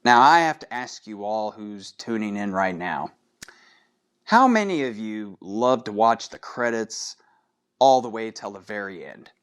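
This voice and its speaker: A man's voice: fairly low pitch, lively intonation, unhurried, fairly bright tone, clear, resonant tone. A man hosting a casual solo show of fan trivia, chatty and putting questions straight to his listeners. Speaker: podcast host.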